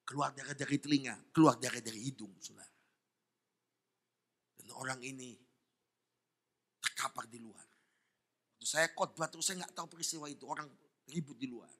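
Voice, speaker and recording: A man preaching a fervent sermon at a church service, jumping between shouted praise and hushed asides. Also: mid-range voice, normal speed, long pauses, slightly rough. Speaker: pastor.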